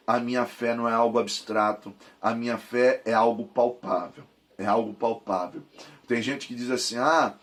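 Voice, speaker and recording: A man in his thirties with a Brazilian Portuguese accent teaching a Bible course, fervent and repeating phrases for emphasis. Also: medium pitch. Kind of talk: preaching Bible lesson.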